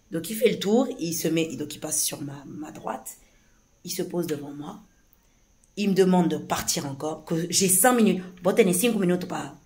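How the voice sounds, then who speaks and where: Hoarse low-voiced woman, halting and agitated. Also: a little mellow. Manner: agitated, hesitant, many restarts and fillers. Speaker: vlogger recounting a police incident. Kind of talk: casual spoken account to camera.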